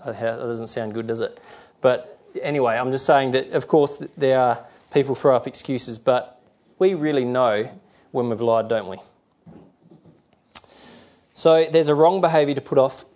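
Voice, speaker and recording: A man's voice: medium pitch, moderate pace, a little mellow. A middle-aged man preaching a sermon in a rambling, conversational way, often restarting and acting out quotes.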